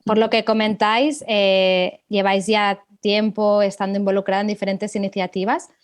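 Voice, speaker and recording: A woman's voice: medium pitch, little pitch movement, normal speed, no echo, studio quality. A woman hosting a podcast interview, welcoming guests and asking friendly questions. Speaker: podcast host.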